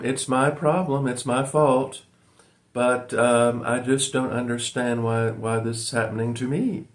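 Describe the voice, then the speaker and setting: A man in his forties from Virginia, talking to his viewers in a meandering way, full of ums and uhs, and often calling them "folks". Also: medium pitch. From Virginia, USA. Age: 40s. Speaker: vlogger. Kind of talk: rambling personal monologue to viewers.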